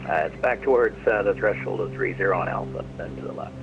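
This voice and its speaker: A man's voice: low voice, fast talker, creaky, dull audio. A man making clipped, procedural pilot radio calls to air traffic control on a cockpit headset. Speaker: flight sim pilot.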